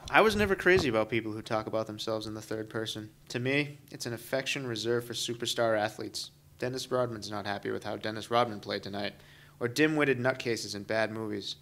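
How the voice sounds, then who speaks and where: A man's voice: fairly low pitch, fairly quick, a bit bright. Crude joking male podcast co-host. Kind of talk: casual podcast chat.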